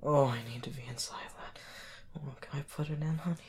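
A man performing an intimate audio roleplay, talking in soft whispers with drawn-out murmurs and sighs. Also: fairly high pitch, fairly even intonation, a little hiss or hum.

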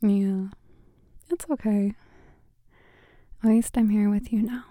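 Young woman whispering soft and slow into a close mic, super mellow tone, sweet comforting roleplay vibe. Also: fairly even intonation, no echo. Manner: soft, breathy whispering mixed with gentle low speech; tender and soothing, with quiet laughs. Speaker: ASMR creator. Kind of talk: ASMR girlfriend roleplay.

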